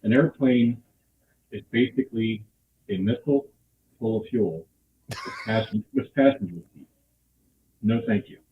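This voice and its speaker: A man calling into a chat stream over a muffled, bass-heavy connection, joking in a dry, self-deprecating way. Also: measured pace, long pauses. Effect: muffled, bass-heavy audio with little treble. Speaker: guest caller on a ham radio stream. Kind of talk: casual chat. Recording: muffled phone-like line with faint noise.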